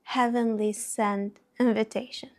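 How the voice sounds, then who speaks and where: A woman with a somewhat high voice shares a personal story on her vlog. She speaks slowly and reflectively, with heartfelt warmth and a non-native English phrasing. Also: flat delivery. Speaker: vlogger.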